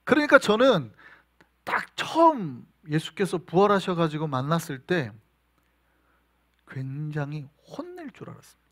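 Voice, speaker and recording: A male pastor preaching a sermon, telling the story with lively energy and acting out quoted lines loudly. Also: a little high, measured pace. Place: church sanctuary.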